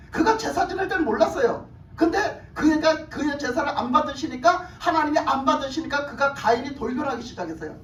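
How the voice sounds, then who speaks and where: A woman pastor preaching a sermon, emphatic and animated, putting questions to the congregation and often laughing. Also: high-pitched, slight background noise. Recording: echoey hall from far off.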